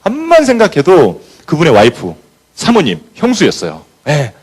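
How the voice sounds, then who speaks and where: A man's voice: on the high side, moderate pace, husky. A man giving a motivational talk to business partners, telling stories and acting out scenes as he goes. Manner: animated storyteller who acts out scenes. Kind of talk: motivational speech with storytelling.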